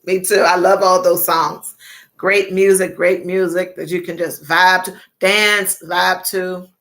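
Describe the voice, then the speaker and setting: A woman's voice: lowish voice, little pitch movement, a little slow, a bit bright. A middle-aged woman hosting a casual livestream chat, chatty, repeating phrases and laughing often. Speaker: livestream host.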